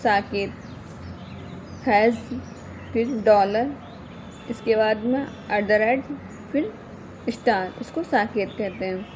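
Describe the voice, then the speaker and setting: A woman's voice: mid-range voice, takes it slowly, pauses often, darkish tone, slight background noise. A woman teaching an exam-prep grammar lesson, who keeps asking "kya?" and then repeats her key points.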